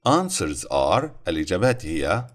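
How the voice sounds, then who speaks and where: Male english teacher, low voice, lively intonation, slow english then quick explanations. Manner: reads English phrases slowly then explains in Arabic quickly. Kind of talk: recorded textbook lesson.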